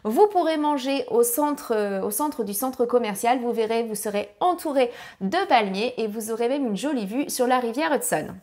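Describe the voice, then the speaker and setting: A woman's voice: fairly high pitch, lively intonation, normal speed, darkish tone. A woman narrating a family travel guide with practical tips, now and then apologizing for her English pronunciation.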